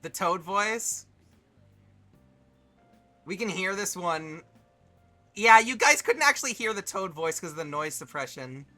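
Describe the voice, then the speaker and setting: A man's voice: sits high, expressive, measured pace, pauses often, bright, forceful tone, faint music behind. A young man live-streaming a game, chatting casually with viewers, often giggling and swearing.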